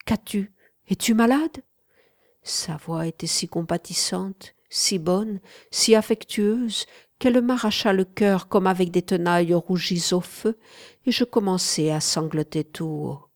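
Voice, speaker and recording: Slow, hushed woman narrator. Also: lowish voice, dry recording, clean studio sound. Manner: slow, hushed, often dropping to a whisper. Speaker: audiobook narrator. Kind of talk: literary audiobook narration.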